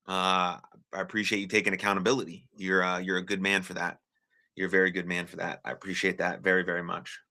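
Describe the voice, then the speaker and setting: Here a young man from the US runs a live stream, his low voice carrying a bright, forceful edge. He keeps things loose and unscripted, chatting encouragingly with his audience and plugging gaps with frequent "uh"s.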